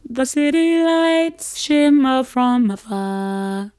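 A synthetic female singing voice with a formant that slowly sweeps back and forth, singing a smooth, evenly tuned melody line. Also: sits high, lively intonation, darkish tone. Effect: synthetic singing voice with a slowly shifting formant. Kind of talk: sung vocal demo line.

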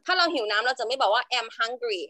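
A young Thai woman teaching English to children in an online class, drawing words out slowly for them to repeat. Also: fairly high pitch, expressive, pushed and bright, no echo. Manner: slow, drawn-out modelling of words for pupils to repeat.

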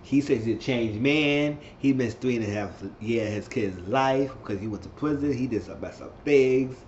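A man recapping a reality show episode in casual, gossipy commentary, animated and quick to act out what people said. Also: mid-range voice, reverberant, muffled recording, a little hiss or hum. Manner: animated, gossipy, acts out the quotes. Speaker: reality TV reviewer.

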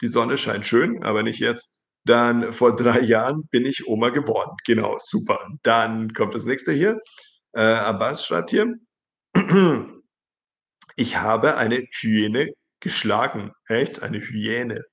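Middle-aged man with a gravelly voice, teaching German. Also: medium pitch, slow, fairly bright tone. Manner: reads comments aloud and corrects them, chatty. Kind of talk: live-stream lesson reading viewer comments. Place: indoor living room with a large plant.

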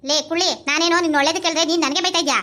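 A woman acting a meddling old village grandmother in a comedy skit, with a Mandya Kannada accent and a shrill, stirring-up manner. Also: steady tone, pushed and bright. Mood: goading. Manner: shrill, rapid, egging others on.

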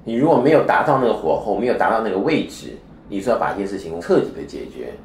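A spiritual teacher with a very low, creaky voice speaks fast in an interview, his pitch swinging widely. He lectures at length with frequent rhetorical questions, recorded in an echoey room with a faint hiss.

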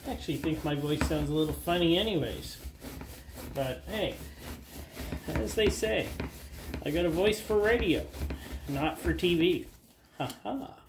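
A woman with a deep voice and a cold hosts a garage channel, sounding animated as she cuts apart parts on an outdoor table. Her casual, hands-on DIY narration rambles, halts with fillers, and turns self-deprecating. Background noise is audible.

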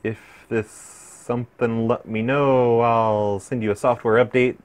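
Man, casual vlog chat, rambling, easily amused, mid-pitched voice. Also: level tone, unhurried, smooth. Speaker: vlogger opening fan mail.

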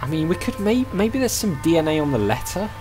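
A man's voice: on the high side, very animated, fairly quick, music in the background. A man hosting a let's play, thinking aloud in casual, tentative game commentary. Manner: musing, tentative.

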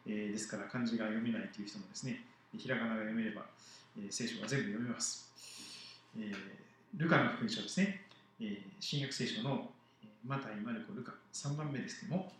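A man preaching, telling a Bible story to children with lively voices for the characters. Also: fairly low pitch, fast, a little hiss or hum. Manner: animated, acting out voices in the story. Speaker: pastor. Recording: very echoey live hall.

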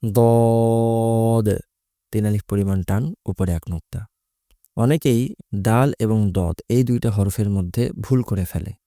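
A man's voice: fairly low pitch, normal speed, warm tone, dry recording, clean studio sound. A man teaching Quran recitation, explaining Arabic letters patiently and methodically, repeating each letter's sound.

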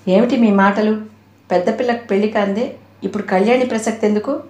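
A woman's voice: medium pitch, fairly quick, natural voice. A woman voicing an irritable, tired middle-aged mother who scolds her husband, recorded in an echoey room. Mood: irritated scolding. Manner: sharp, scolding.

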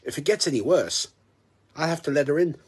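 A man's voice: on the high side, expressive, brisk, darkish tone, husky. A man in his forties telling short corny dad jokes to a phone at arm's length, drawing out his catchphrase and dropping his punchlines. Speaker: comedian telling jokes to camera.

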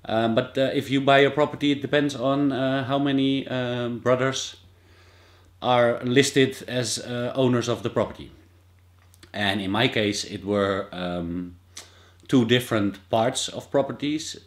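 A Dutch vlogger in his thirties from the Netherlands explains steps in a casual vlog, full of fillers and restarts, with a Dutch accent. He is recorded indoors in a small office by a desk camera. His voice is medium-pitched and a little slow.

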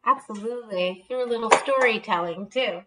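On a casual video call from her dining room, recorded through her laptop camera, a woman in her thirties walks through holiday table ideas and holds up books as she goes. Her voice is on the high side at a normal speed, and background noise is audible. She has a friendly manner.

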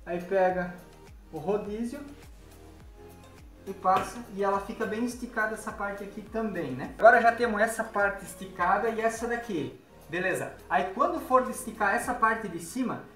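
Working in a big workshop, a window installer from Brazil, in his thirties, walks through the job in a high, somewhat bright voice. He keeps the explanation simple and leans on tag questions. A phone camera close by picks up the echoey room and the music playing.

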